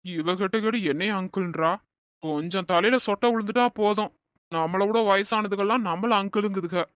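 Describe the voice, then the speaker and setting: A performer voicing a suspicious, grumbling balding auto-rickshaw driver in an animated comedy. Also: medium pitch, moderate pace, no room sound, natural voice.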